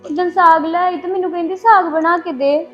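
Woman playing a weepy punjabi young wife, high bright voice, complaining. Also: steady tone, a little fast, lo-fi sound, faint music behind. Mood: complaining, tearful. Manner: complaining, pleading. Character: unhappy young married daughter, tearful. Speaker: daughter on the phone. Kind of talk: family drama acting.

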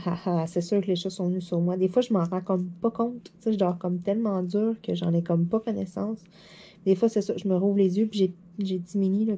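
Chatting as she crafts, this woman, a diamond painting vlogger from Quebec judging by her French accent, rambles along and laughs a lot. Her medium-pitched voice has a dark tone and sounds slightly hoarse from a dry throat.

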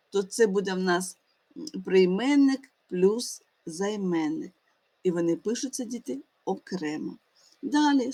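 A woman teaching a grammar lesson to schoolchildren, often calling them children and pausing on fillers and restarts. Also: a little high, a little mellow.

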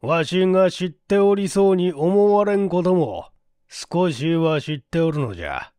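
Guy doing a crafty 97 yr old geezer, slow drawly folksy talk, a bit high, dry close sound. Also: lively intonation, darkish tone, smooth, no room sound. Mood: boastful. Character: shrewd, shabby 97-year-old man with bright eyes. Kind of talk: audiobook drama acting.

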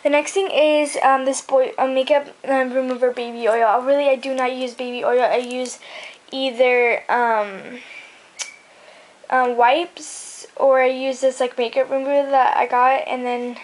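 High-voiced girl rambling about makeup. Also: fairly even intonation, a little slow, poor audio. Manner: rambling, many fillers and restarts. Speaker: beauty vlogger. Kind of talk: casual chat.

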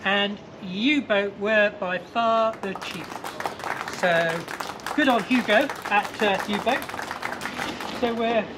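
A man's voice: high voice, slow, a crowd in the background, background noise. A man in his sixties, a boat-building vlogger, chatting casually as he explains each job while he works. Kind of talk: casual how-to narration. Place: outdoors in a boatyard and inside a barge under refit.

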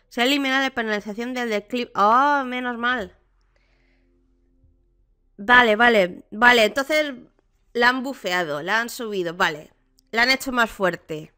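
Excitable Spanish woman gamer, bright voice. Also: a little high, clean tone. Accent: Spain Spanish. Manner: chatty, excitable, many repeated fillers like vale. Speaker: gaming streamer. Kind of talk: patch notes review and live gameplay commentary.

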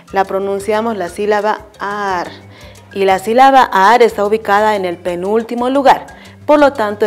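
A woman with a Bolivian Spanish accent teaching a primary school lesson on television, slow and patient, asking questions and answering them herself. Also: medium pitch.

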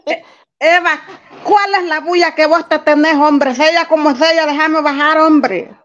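A woman's voice: high-pitched, fairly even intonation, a little slow, a bit bright, highs cut off. A woman calling into a live stream, earnest as she tells a personal story. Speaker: guest caller. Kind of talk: casual chat on a live stream.

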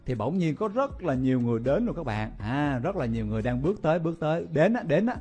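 A man's voice: mid-range voice, big pitch swings, quick pace, darkish tone, breathy edge. A man teaching vocabulary in a playful, exclaiming way, often repeating each word. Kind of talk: memory-palace vocabulary lesson.

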